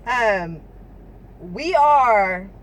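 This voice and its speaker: A woman's voice: mid-range voice, drawn-out words, slight background noise. A woman vlogger ranting casually to her viewers, swearing a lot, restarting her sentences and asking "you know what I'm saying" again and again. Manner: restarts and stumbles, animated. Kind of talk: casual rant to camera.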